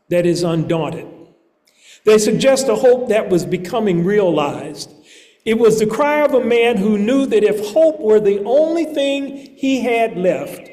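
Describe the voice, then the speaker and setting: Slow high-voiced male preacher in a hall. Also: mellow. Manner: slow, measured preaching with deliberate pauses. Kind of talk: sermon. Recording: long reverb of a large hall.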